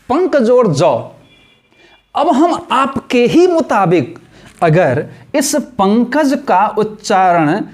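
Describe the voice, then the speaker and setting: A man teaching a pronunciation lesson, drawing out syllables and repeating sounds over and over. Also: sits high. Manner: slow, drawn-out syllables, repeats sounds many times; acts out little scenes in changed voices.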